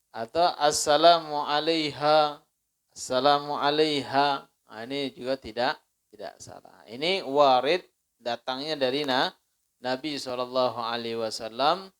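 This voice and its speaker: A man with an Indonesian accent teaching an Islamic study circle lesson, slowly drawing out recited phrases and putting questions to his listeners. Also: mid-range voice, fairly bright tone. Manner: slow, drawn-out demonstrations of recited phrases; conversational, asks listeners questions. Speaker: religious teacher.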